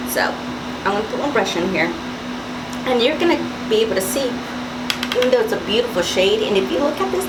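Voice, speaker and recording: A makeup vlogger, a young woman with a raspy, mid-range morning voice, talks to camera through a tutorial in a chatty, instructive way, with fillers and asides. Loud background hiss and air-conditioner hum are audible throughout.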